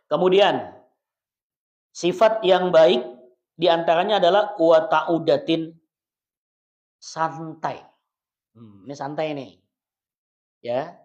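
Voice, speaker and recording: A man's voice: slow, vocal fry, pauses often. Jokey man preaching, lo-fi sound. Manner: jokey, chatty, often laughs; wide swings in pitch and loudness. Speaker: religious teacher. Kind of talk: mosque study-circle sermon. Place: small prayer hall.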